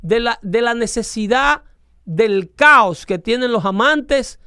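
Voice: medium pitch, animated, slow pace, sharp tone, clear, resonant tone, no room sound, studio quality. A speaker with a Dominican accent in casual political chat, talking in an emphatic, lecturing way and repeating phrases for stress. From Dominican Republic.

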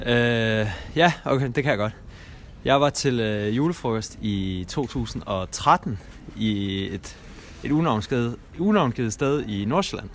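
A young man telling a long story in a loose, rambling way, full of fillers and restarts. His voice sits at an ordinary middle pitch. Faint noise hums behind him. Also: expressive. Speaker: guest storyteller. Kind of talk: casual anecdote.

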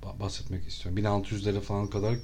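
Casual male traveler, quick talker with a noticeable stammer and loose delivery. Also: on the low side, monotone, mellow, slight background noise. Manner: stammers, restarts words often. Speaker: traveler telling trip stories. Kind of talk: casual chat.

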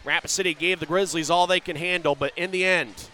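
A man doing rapid live hockey play-by-play as the announcer, in clipped running phrases that can swell into drawn-out shouted goal calls. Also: on the high side, steady tone. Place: live at an ice hockey arena.

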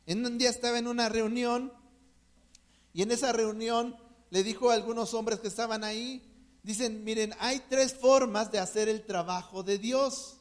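Mexican male preacher, very high pitch, earnest sermon delivery with restarts. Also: fairly even intonation, normal speed. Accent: Mexican Spanish. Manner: earnest, repeats words while searching for them.

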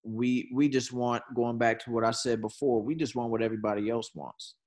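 An earnest man in a casual conversation with a voice of ordinary pitch. He restarts and repeats words as he looks for a thought, then speeds up into quick bursts. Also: fairly even intonation, a little mellow.

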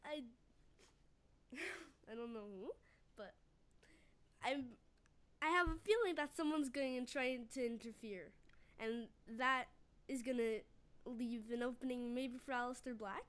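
Female guest, high voice, slow and hesitant, shy in casual talk. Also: fairly bright tone, smooth. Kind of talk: casual chat.

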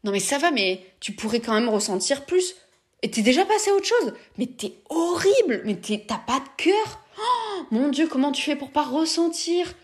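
A shrill, indignant voice that a woman puts on, scolding and mocking someone for being cold and unfeeling. The tone is exaggerated and accusing, pitched high above a plain speaking voice, with theatrical outrage throughout. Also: sing-song, moderate pace.

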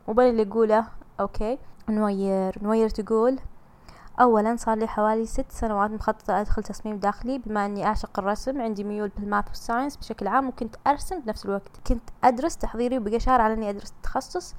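A woman's voice: fairly high pitch, a little mellow. A young Saudi woman with a Gulf accent, hosting a casual solo podcast and chatting in a teasing, comforting way. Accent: Saudi Gulf Arabic. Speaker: podcast host reading listener messages.

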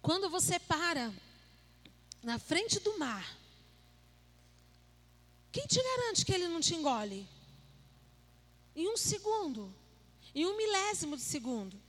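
A woman's voice: extremely high pitch, very animated, unhurried, pauses often, a bit bright. A woman preaching a sermon in a playful, conversational way, joking with her listeners and asking them questions. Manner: playful and conversational, jokes with the audience.

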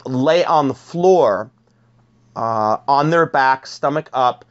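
A man with a fairly high speaking voice gives a vocal pedagogy workshop, talking at an unhurried, deliberate pace. He explains things patiently, with frequent fillers and repeated words. The recording sounds dull and lo-fi. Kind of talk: spoken workshop lesson.

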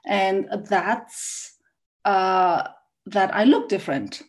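Speaking as a podcast interview guest, this middle-aged intercultural consultant, South Korean by birth and raised in Austria, is reflective and hesitates often. Her mid-range voice is animated, and she draws out her words.

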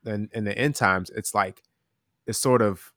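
A man talking earnestly about end times in a casual Bible chat, halting with many restarts. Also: fairly low pitch, fairly bright tone, no echo, clean studio sound.

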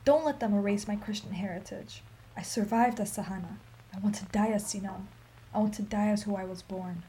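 In a radio play, an actress voices a sorrowful, dignified old Armenian woman recounting her story in a solemn, measured, emphatic manner that sounds pleading and resolute. Her mid-range voice is warm and natural, though the audio is poor with slight background noise.

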